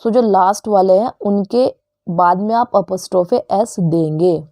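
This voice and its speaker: A woman teacher with an Indian English accent gives a grammar lesson, explaining English grammar in Hindi and frequently putting questions to her students. Her voice is medium-pitched, warm and unhurried, captured in a dry, studio-quality recording.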